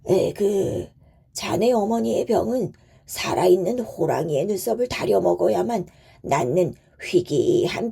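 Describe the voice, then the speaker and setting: An old village doctor from a bedtime story, grave and doubtful, with a sigh in his words, as a woman narrator puts him on. The voice stays low, slow and breathy with a mellow tone. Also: full character voice. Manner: sighing, doubtful.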